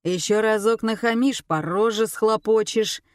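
A woman voicing a gruff, scornful, bossy husband in an audiobook. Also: fairly low pitch, a little slow, no room sound, studio quality, natural voice. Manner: gruff, mocking.

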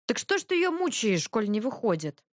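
A woman's voice: a little high, normal speed, no room sound, clean studio sound. A woman doing a teasing young prince. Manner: teasing, animated. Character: lively young tsar's son, teasing brother.

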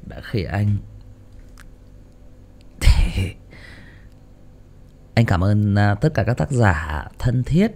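A man narrating a horror story in an expressive, dramatic storytelling style, then chatting jokily to listeners. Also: lowish voice, extremely slow, gravelly, pauses often. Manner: expressive, lively delivery; jokey, chatty afterword. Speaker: audiobook narrator.

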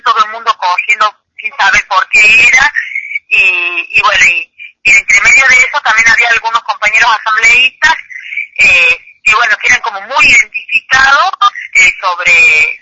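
A woman, calling in as an activist and giving testimony hesitantly, with many fillers. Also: fairly high pitch. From Chilecito, Argentina. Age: 30s. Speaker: activist caller. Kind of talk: phone interview testimony. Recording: muffled noisy phone line.

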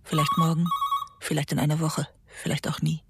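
An actress playing an anxious middle-aged mother who dreads bad news, speaking in a hushed, often half-whispered, tense way in a radio drama. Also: low-pitched, completely flat delivery, brisk, heavy background noise. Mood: brooding. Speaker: lead character and inner narrator. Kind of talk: German radio drama acting. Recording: loud music bed under studio voice.

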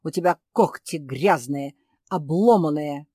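A woman puts on a puffed-up male dog father for a storybook. He shouts his commands harshly and drags his words out slowly. The voice is close and dry. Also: low voice, slightly rough, no room sound. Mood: angry.

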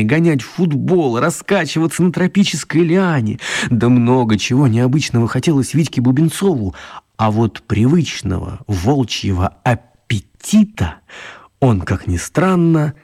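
Narrating a children's radio drama, a man with a slightly husky, mid-pitched and somewhat mellow voice tells the story theatrically, drawing out words for dramatic effect.

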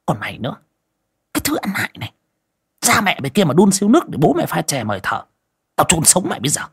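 A man's voice: a little high, huge pitch swings, fast, a bit bright, husky, pitched above the performer's own voice, full character voice. A man voicing a cruel young stepmother, screeching and wailing melodramatically in a spoken folk horror story. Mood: vicious.

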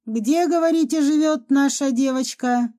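A woman's voice: high voice, mellow. Woman doing a courteous ghost doctor. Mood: calm. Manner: courteous, measured. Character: polite gentlemanly male ghost doctor, calm.

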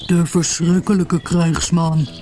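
A woman voicing a boastful caterpillar that poses as a terrible male warrior, speaking in slow, booming threats. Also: little pitch movement, mellow, a little hiss or hum. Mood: boasting.

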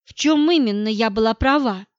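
Woman reader as a pushy worried mom firing questions, fairly high voice, dry muffled sound. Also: moderate pace, no room sound, close to an everyday voice. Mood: insistent. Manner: insistent, questioning. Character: worried, bossy middle-aged mother. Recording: dull dry recording.

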